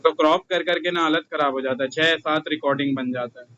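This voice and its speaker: Young male commerce tutor, Indian accent, bright high voice, chatty and teasing, faint room noise. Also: steady tone, fairly quick, highs cut off. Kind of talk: casual classroom talk.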